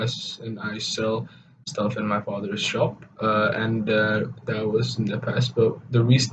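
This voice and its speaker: A man in his twenties, a student guest, hesitant with many fillers. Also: lowish voice. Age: 20s. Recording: distant dull mic with background noise.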